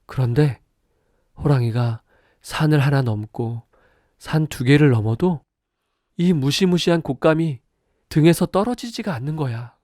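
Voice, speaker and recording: Man, father, bedtime storyteller, very slow, gentle whispers, dry close sound. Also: a little high, no echo. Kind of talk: soft bedtime story narration, partly whispered.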